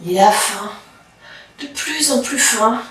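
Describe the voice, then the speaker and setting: A woman reading a children's story aloud, slowly and deliberately with dramatic pauses. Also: fairly high pitch, animated, background noise. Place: library. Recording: very echoey room, from far off.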